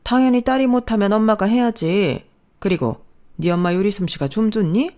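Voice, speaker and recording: A woman's voice: mid-range voice, normal speed, warm tone, pitched above the performer's own voice, close to an everyday voice. A woman voicing an overbearing middle-aged mother-in-law who talks in a demanding, sneering way. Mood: bossy sneering.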